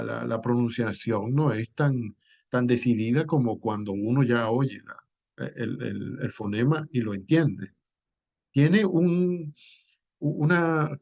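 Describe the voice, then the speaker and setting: A male teacher lectures his students in a classroom. His pitch sits mid-range for a man, and he works through each point slowly, often stopping on "eh" and repeating a word before going on. The recording is dull and lo-fi. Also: creaky, a little mellow. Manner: unhurried explaining, with frequent "eh" and restarted words.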